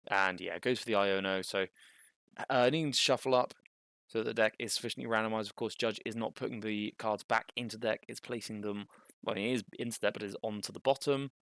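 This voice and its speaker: Young guy doing card game commentary, gravelly, dry close mic, chatty and rambly. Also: fairly low pitch, no room sound. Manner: casual, thinking aloud, bursts of excitement.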